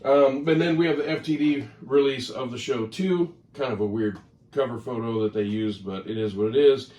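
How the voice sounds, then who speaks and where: A man's voice: mid-range voice, moderate pace, warm tone. A man vlogging casually about his record collection, chatty and rambling, often correcting himself. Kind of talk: casual talk to camera. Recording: roomy sound, mic at a distance.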